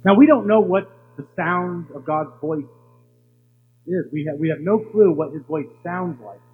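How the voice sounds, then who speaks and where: A man's voice: a little high, unhurried. A man preaching a sermon as a pastor, teaching with rhetorical questions. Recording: tinny, hall reverb, faint hum.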